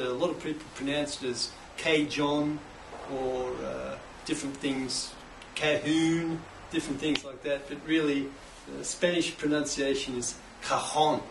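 A middle-aged Australian man explaining his craft in a relaxed interview, with an enthusiastic musician's manner. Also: mid-range voice, moderate pace, creaky, hardly any pauses. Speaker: guest, cajon maker. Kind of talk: casual interview. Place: indoors, home workshop. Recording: echoey room, mic at a distance, faint background hiss.

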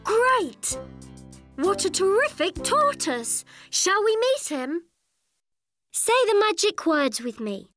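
A cheerful, childlike cartoon host leads children through drawing in the manner of a party magician. The voice is high and very animated, slow and encouraging, with music behind it. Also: female voice, heavily acted. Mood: bright, encouraging. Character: Squiglet, cheerful childlike drawing-show character. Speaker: children's show presenter.

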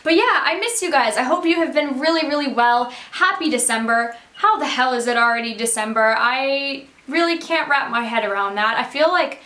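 A woman's voice: sits high, expressive, moderate pace, few pauses, bright, forceful tone, reverberant. A young woman from Canada, a beauty vlogger, chatting casually to the camera from her room in a bubbly, rambling way. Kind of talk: casual catch-up chat to camera. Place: bedroom beauty room, indoors.

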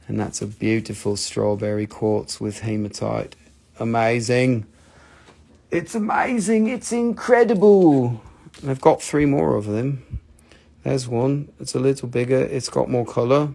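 A live-stream mineral seller from the American South holds stones up to the camera beside a table of specimens in an indoor room. His mid-range voice is a little mellow with vocal fry, and he rambles, jokes, curses, and plays around with mock accents.

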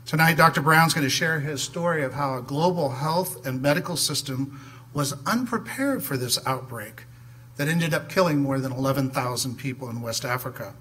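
A man in his fifties reading a measured, formal introduction from a podium in a large hall. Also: fairly high pitch, bright, forceful tone. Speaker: event host introducing the speaker. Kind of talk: prepared introduction. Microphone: podium mic.

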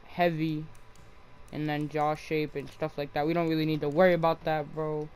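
A man's voice: fairly high pitch, completely flat delivery, normal speed, a little mellow, a little hiss or hum. A young man casually commenting on his own gameplay, slangy, tacking "bro" onto nearly every line. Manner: slangy, says "bro" constantly. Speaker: gamer.

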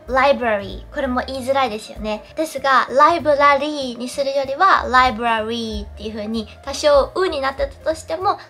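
A young woman teaching English pronunciation in a clear explanatory tone, saying English model phrases slowly and carefully. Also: high-pitched, fairly bright tone. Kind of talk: pronunciation lesson.

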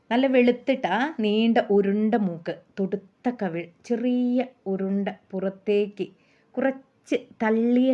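Woman narrating a story, muffled sound. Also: a little high. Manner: measured, descriptive.

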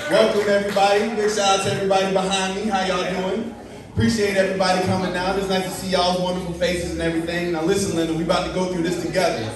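A young American man performs amateur stand-up in a high-pitched voice. His jokes bomb as he rambles and stalls. The sound is very echoey and picked up from a distance in a bar. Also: level tone, fast talker, a crowd in the background. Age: young adult. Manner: joke bombing, rambling delivery with stalls and filler. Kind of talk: stand-up comedy at an open mic. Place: small bar, indoors. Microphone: handheld stage mic, heard from far camera. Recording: echoey bar, distant mic, audience noise. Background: small audience.

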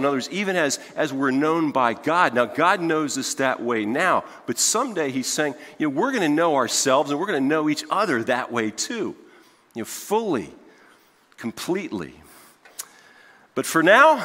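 Man, fifties, pastor, lively sermon, bright voice, echoing church hall. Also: fairly high pitch. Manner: animated, conversational, frequent restarts and "right?" asides; paces the stage, gesturing. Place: church sanctuary stage. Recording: long church hall reverb.

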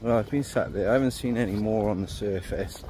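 Relaxed man vlogging outdoors by a river. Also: fairly low pitch, brisk, a little hiss or hum. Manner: relaxed, rambling, frequent ums. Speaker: fishing vlogger. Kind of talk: casual outdoor vlog narration. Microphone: phone or action camera held at arm's length.

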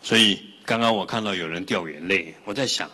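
A man, a Buddhist monk, giving a lively sermon that tells stories and asks the audience questions. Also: sits low, fairly quick, breathy edge. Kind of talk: sermon with storytelling. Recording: reverberant hall.

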